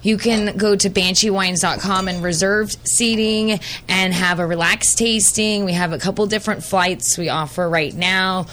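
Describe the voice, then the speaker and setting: A woman's voice: medium pitch, steady tone, moderate pace, fairly bright tone. A woman winemaker, a guest on a radio talk show, chatting enthusiastically and laughing often. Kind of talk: casual radio chat.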